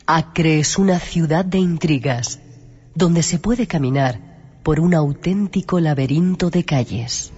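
A man giving measured, scripted documentary narration. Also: fairly high pitch, a little mellow. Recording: dull sound with music bed.

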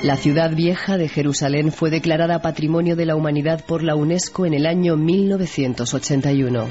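A man reading a scripted documentary narration in a measured, formal way. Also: fairly high pitch, fairly even intonation. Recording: dull lo-fi radio sound over music.

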